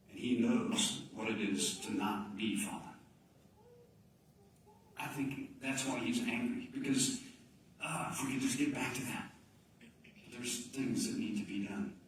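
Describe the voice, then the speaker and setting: A man's voice: mid-range voice, slight background noise. A male pastor delivering a sermon in a church, his voice rising with emphasis and falling to near whispers as he acts out quoted pleas. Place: church sanctuary. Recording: very echoey church, mic at a distance.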